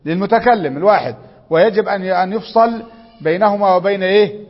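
A man's voice: high voice, fast, in a large hall, lo-fi sound. A man with an Egyptian accent teaching a grammar lesson, prompting students with questions and reading rules aloud. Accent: Egyptian Arabic.

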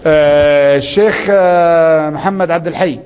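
A man's voice: a little high, normal speed, smooth, in a large hall, muffled recording. A man with an Egyptian accent teaching a grammar lesson, prompting students with questions and reading rules aloud. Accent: Egyptian Arabic.

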